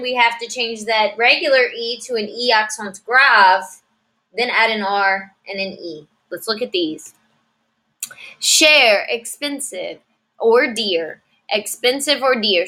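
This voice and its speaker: Woman giving a french lesson, bright clear voice, slow careful drills then quick explanations. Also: on the high side. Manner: repeats words slowly for pronunciation, then explains quickly. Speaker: French teacher.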